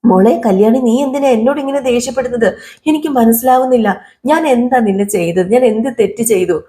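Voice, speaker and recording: A furious middle-aged mother who scolds and keeps repeating her accusations in a warm, mellow voice raised in pitch, as a woman puts her on. She is defiant and bitter, daring her daughter to go further. The voice is a woman's plain retelling voice, only a little raised. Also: a little fast, lightly acted. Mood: hurt.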